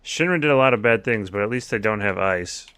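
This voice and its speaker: A man's voice: on the low side, lively intonation, a little fast, sharp tone, clean tone, no echo. A man streaming a video game, chatting casually with jokes and swearing as he plays. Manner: chatty, joking, profane. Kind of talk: casual gameplay commentary.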